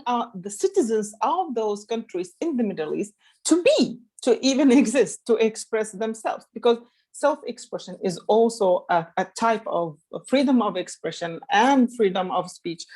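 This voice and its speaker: A woman's voice: medium pitch, darkish tone. A woman from Iraq speaking earnestly and emphatically as a panelist on a webinar over a video call. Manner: earnest, emphatic, thinking aloud. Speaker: panelist, member of parliament.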